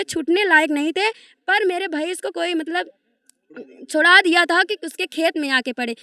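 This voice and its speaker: Very high, tense grieving woman. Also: pushed and bright, no room sound, studio quality. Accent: eastern Uttar Pradesh. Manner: grief-stricken, agitated, pleading. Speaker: victim's daughter, interviewee. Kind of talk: emotional testimony to a reporter.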